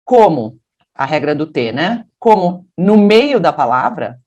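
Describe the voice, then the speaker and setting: A woman from Brazil teaching English pronunciation, explaining patiently and then modeling English words in a deeper voice. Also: sing-song, measured pace, darkish tone. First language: Portuguese. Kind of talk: pronunciation lesson.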